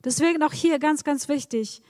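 A woman's voice: high voice, normal speed, a little mellow, no room sound, clean studio sound, in a large hall. A woman preaching a sermon, speaking straight to her congregation with encouraging words and frequent repetitions. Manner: encouraging, addresses the congregation directly, repeats words.

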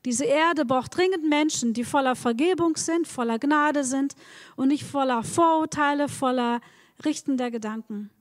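A woman's voice: high-pitched, moderate pace, dry recording, clean studio sound, long reverb tail. A woman preaching a sermon, speaking straight to her congregation with encouraging words and frequent repetitions. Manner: encouraging, addresses the congregation directly, repeats words.

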